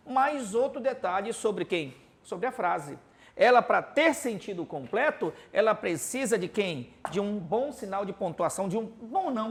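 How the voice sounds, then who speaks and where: With a high-pitched voice, a man from Belém, Pará, Brazil, with a Paraense accent, gives a Portuguese grammar lesson. He constantly asks rhetorical questions and finishes lines with "tá?" while writing examples on a board.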